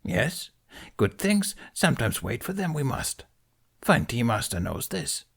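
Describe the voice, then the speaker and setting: A man's voice: medium pitch, big pitch swings, a little slow, creaky, fairly bright tone, slightly rough, voice pushed up, heavily acted. A man voicing Yoda, an ancient tiny male alien sage who speaks in inverted word order. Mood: chiding. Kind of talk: fan audiobook reading.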